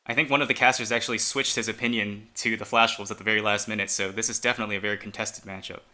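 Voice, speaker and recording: Very fast and sharp-toned, a man with a fairly low, level voice casts an esports match for fans, chatting casually and naming the players one after another. His first language is Chinese.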